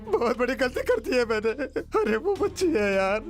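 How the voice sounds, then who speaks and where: A man's voice: extremely high pitch, sing-song, normal speed. An actor voicing a desperate man who frantically pleads and begs for a child's life, in a dubbed film. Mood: desperate pleading. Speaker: desperate father begging for his child. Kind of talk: Hindi film dub acting.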